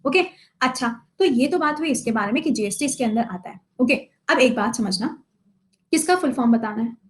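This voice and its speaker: Female teacher, high voice, live online class, quizzes students and answers herself, playful scolding. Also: animated, brisk.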